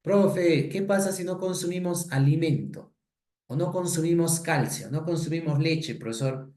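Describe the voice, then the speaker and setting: A man's voice: fairly high pitch, a little slow, a little mellow, lightly acted. A man voicing a curious young student who questions the teacher eagerly. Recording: roomy echoey room.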